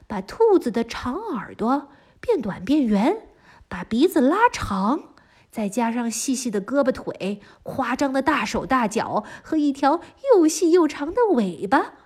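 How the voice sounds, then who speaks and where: A woman narrating a story for young children in an animated, explaining manner, often putting questions to the listeners. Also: a little high. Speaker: storyteller of a children's history podcast.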